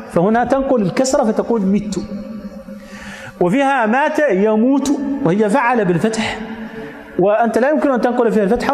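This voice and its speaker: A man's voice: sits high, darkish tone. A man giving a grammar lesson, explaining step by step and stopping to check that his listeners have understood. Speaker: teacher of Arabic grammar. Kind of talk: classroom lecture. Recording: echoey hall reverb.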